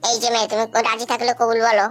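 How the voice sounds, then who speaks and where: A voice actor playing a grumbling, hungry old male wedding officiant, in a cartoon with loud music behind. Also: mid-range voice, completely flat delivery, very fast, lightly acted. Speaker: marriage officiant.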